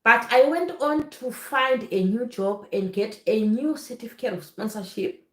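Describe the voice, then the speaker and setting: A woman's voice: a little high, a little slow, a bit bright. A woman speaking earnestly to her viewers as a nurse vlogger, often checking in with "you understand?". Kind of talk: personal testimony to viewers. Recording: echoey room.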